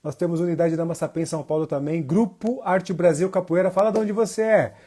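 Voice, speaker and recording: Speaking a little fast in a high, steady, warm voice, this man runs a casual livestream capoeira lesson and greets viewers. He's from Jacobina, Bahia, Brazil, with a northeastern Brazilian accent, and his slangy, informal style repeats phrases for emphasis.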